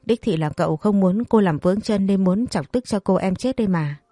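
A woman's voice: medium pitch, animated, a little fast, mellow, no echo, clean studio sound, natural voice. A woman voicing a frightened young servant girl who pleads in a whiny way. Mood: wailing.

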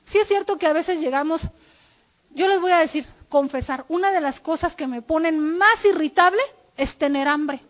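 A woman's voice: high-pitched, normal speed. A woman giving an informal church talk on marriage, speaking candidly about herself and quoting her husband. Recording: dull lo-fi recording.

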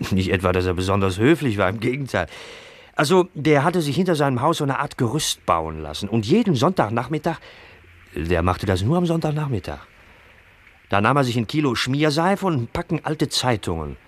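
A man's voice: mid-range voice, sing-song, normal speed. A cocky, taunting young man. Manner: taunting, mocking. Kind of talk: 1960s radio play acting.

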